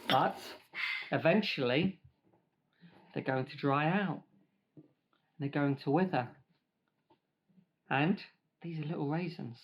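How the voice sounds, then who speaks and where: A man giving a lively children's church talk, playful and chatty, eating grapes as he speaks. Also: fairly high pitch, takes it slowly, long pauses, slightly rough. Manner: lively, playful, eats grapes while talking. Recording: dull lo-fi recording.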